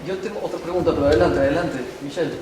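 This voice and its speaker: A man moderating a university talk, asking questions haltingly with restarts. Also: on the high side. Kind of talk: audience Q&A. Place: university lecture hall. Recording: echoey hall, distant, noisy.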